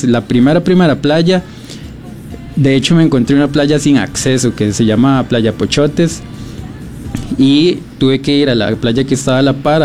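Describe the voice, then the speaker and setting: A Costa Rican man being interviewed about his beach project, speaking thoughtfully with many pauses and restarts. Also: medium pitch, a little mellow. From Costa Rica. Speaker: guest, beach documentary project creator. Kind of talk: radio interview, casual.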